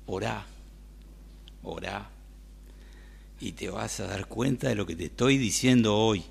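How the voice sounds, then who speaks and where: Gravelly Rioplatense preacher. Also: male voice, on the low side, a little slow. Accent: Rioplatense Spanish. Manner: conversational, asks the congregation questions. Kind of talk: sermon. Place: church.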